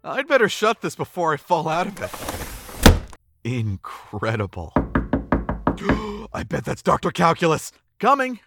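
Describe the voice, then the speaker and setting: A man playing a flustered, excitable newlywed husband. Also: a little high, slow, creaky, long pauses, loud music behind the voice, exaggerated voice. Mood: nervous. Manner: eager, flustered, stammering. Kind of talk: audio drama acting.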